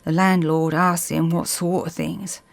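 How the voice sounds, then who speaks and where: A woman's voice: low voice, little pitch movement, unhurried, vocal fry. A woman voicing a blunt, teasing village smith from a storybook, with a rustic, needling way of talking in a Suffolk accent. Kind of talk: storybook character reading.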